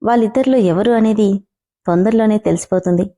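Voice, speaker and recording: A woman storyteller reading a serialized drama aloud and speaking to her listeners as friends. Her voice is mellow and rather dark, at a middle pitch. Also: a little fast.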